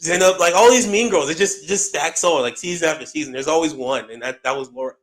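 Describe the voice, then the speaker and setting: A man co-hosting a casual podcast chat, blunt and animated, cursing freely. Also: fairly high pitch, fast. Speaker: podcast co-host.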